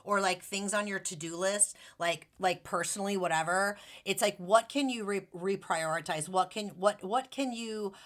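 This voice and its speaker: Woman tarot reader, casual and gushing, talks straight to her viewers with a crisp, bright voice. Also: mid-range voice, normal speed, few pauses. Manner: bubbly, chatty, affectionate, many fillers and "like".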